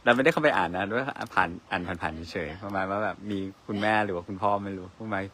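A man in his thirties, a father chatting casually at home and using soft baby talk with his toddlers. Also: sits low, fast, slightly rough. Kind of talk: casual family chat.

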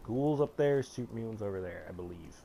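A man's voice: fairly low pitch, animated, a little fast, vocal fry, mellow, slight background noise. A young man commenting casually on his gameplay, rambling, muttering to himself and swearing often. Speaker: let's play gamer.

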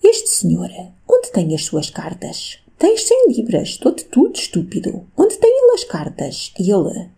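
A woman's voice: fairly high pitch, wildly swooping pitch, a little slow, gravelly, hardly any pauses, dark tone, breathy edge, voice pushed up, heavily acted. A woman voicing an anxious, desperate countess in an audiobook, her pleas urgent and dramatic. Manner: pleading, urgent, dramatic reading.

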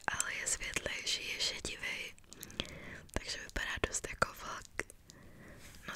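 Brief: young Czech woman, whispered walking vlog, fully unvoiced hush, outdoors in a forest, body-worn camera. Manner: chatty, gentle storytelling while walking a dog. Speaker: ASMR vlogger. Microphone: body-worn camera while walking.

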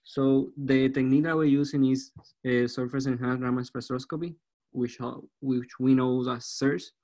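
A man in his twenties with a Puerto Rican accent, giving an academic presentation as a student researcher in a halting way, repeating words. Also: medium pitch, fairly even intonation, warm tone. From Puerto Rico. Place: online video call.

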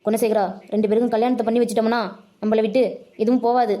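A woman as a bossy old cartoon grandmother, high-pitched, rattles on very fast, greedy and scheming. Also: little pitch movement, dark tone, natural voice. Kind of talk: Tamil cartoon voice acting.

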